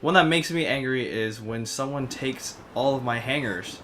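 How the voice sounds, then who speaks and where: A man's voice: medium pitch, normal speed, a bit bright, faint music behind. A man co-hosting a let's play, talking in a loose, casual conversational style. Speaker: gaming show co-host. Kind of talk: casual chat.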